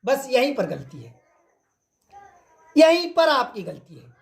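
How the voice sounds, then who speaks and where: A woman's voice: sits high, very animated, slow pace, gravelly. A woman teaching an online maths lesson, who repeats each point and keeps asking the class rhetorical questions. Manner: repetitive, drilling, asks the class rhetorical questions.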